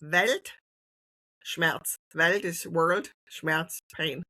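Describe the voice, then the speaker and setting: A woman with a bright, clear voice on a podcast. She explains carefully and reads out a definition in a steady way. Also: mid-range voice, a little slow. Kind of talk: casual podcast discussion.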